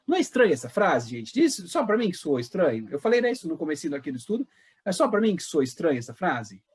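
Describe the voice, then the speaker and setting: A man's voice: a little high, very animated, fast talker, slightly rough. A man from Brazil, a pastor teaching an informal church Bible class in a conversational way, repeating words and asking the class questions.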